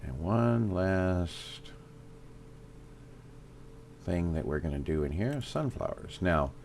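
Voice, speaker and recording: A man with a Southern US accent giving casual gameplay commentary, thinking aloud with fillers and pauses. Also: low-pitched, lively intonation, a little mellow, a little hiss or hum. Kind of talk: casual let's-play commentary.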